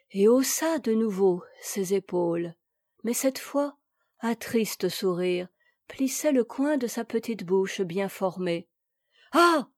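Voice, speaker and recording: Lady reading a story out loud, mellow tone, dry close mic. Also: mid-range voice, no echo. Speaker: audiobook reader. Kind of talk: scripted storybook narration.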